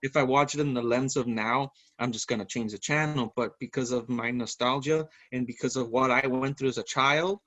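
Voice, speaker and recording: A man hosting a podcast, telling stories in a lively, casual way and swearing freely. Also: medium pitch, fairly quick, hardly any pauses, dry recording. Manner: animated storyteller, swears freely. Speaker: podcast host. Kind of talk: casual chat.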